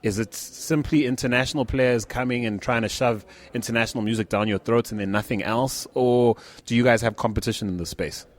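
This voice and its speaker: A man's voice: medium pitch, a little fast, hardly any pauses. Upbeat male interview host. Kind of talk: interview chat.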